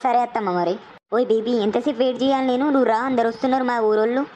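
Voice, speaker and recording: A woman's voice: a little high, steady tone, darkish tone, lo-fi sound, slight background noise, natural voice. A woman playing a secretive young village girl. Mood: innocent. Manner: hurried, secretive phone talk.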